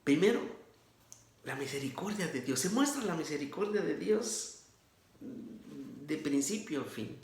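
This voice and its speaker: A man's voice: on the high side, very animated, a little slow, creaky, darkish tone, roomy sound. A man giving an informal sermon on scripture readings, speaking earnestly and directly to the listener as a brother, with frequent restarts. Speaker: preacher.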